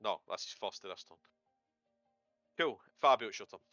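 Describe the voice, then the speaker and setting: A man's voice: lowish voice, animated, moderate pace, fairly bright tone, no room sound, muffled recording, faint music behind. A man running a tabletop game, thinking aloud and swearing casually. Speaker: game master.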